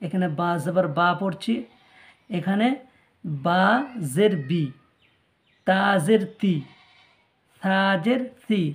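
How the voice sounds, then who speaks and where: A man with a Bangladeshi Bengali accent, teaching a Quran reading lesson, patiently repeating each syllable and slowing down to drill letters. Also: sits high, a little mellow. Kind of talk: step-by-step recitation lesson.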